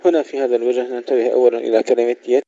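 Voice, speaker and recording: A man with a very dark, mellow voice teaches recitation rules. He explains briskly and precisely and demonstrates each sound as he goes. The recording is dull and lo-fi. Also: medium pitch, flat delivery.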